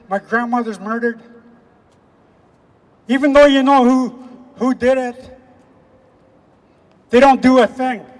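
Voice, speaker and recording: High-voiced man giving a protest speech. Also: long reverb tail. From Canada. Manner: emphatic, repetitive, with slow weighty pauses. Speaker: rally speaker. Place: outdoor rally.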